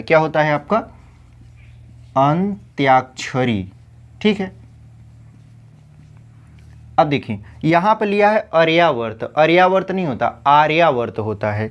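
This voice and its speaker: Man teaching Hindi spelling, step by step. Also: sits high. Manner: explains step by step with rhetorical questions. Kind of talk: exam-prep grammar lesson.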